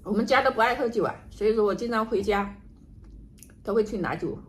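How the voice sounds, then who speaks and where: A woman chatting casually to camera while she eats and drinks, musing in an unhurried way with murmured asides. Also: medium pitch. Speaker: vlogger doing an eating and drinking livestream. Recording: noticeable background noise, home ambience.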